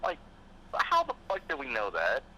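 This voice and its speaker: A man in a loose, swearing rant with a very bright, sharp tone and a lively, swooping pitch. He talks like a fired-up podcast host in casual chat. A faint hiss of noise sits under the recording. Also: moderate pace, low-quality recording. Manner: profane, fired-up ranting with mocking quoted voices.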